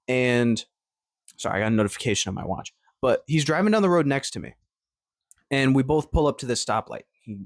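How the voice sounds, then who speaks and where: A man's voice: medium pitch, no echo, clean studio sound. A man of twenty telling stories to camera in a rambling, upbeat way, with lots of fillers and restarts. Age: 20s. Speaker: vlogger. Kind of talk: casual storytelling to camera.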